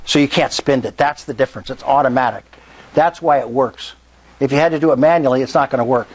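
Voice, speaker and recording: Heard on a low-quality recording, a man with a mid-range voice talks quickly as he hosts a real estate meetup in a meeting room. Explaining to the live crowd, he often checks in with "right?" and "okay?".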